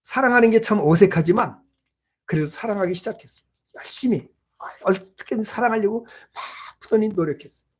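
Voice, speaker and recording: A pastor preaching a sermon in a small church, telling a personal story and swinging between loud exclamations and hushed asides. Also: mid-range voice, fairly quick, breathy edge.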